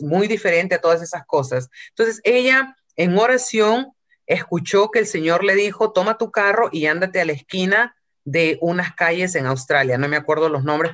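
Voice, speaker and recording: Woman, from Peru, sermon, storytelling, acted quotes, English phrases mixed in. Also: on the low side. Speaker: preacher.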